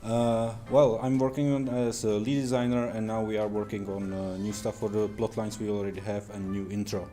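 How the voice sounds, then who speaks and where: A man's voice: lowish voice, level tone, a little fast, hardly any pauses, mellow, soft background music. A man of about thirty from Czechia, a lead game designer speaking English with a Czech accent, answering interview questions carefully with hesitant fillers.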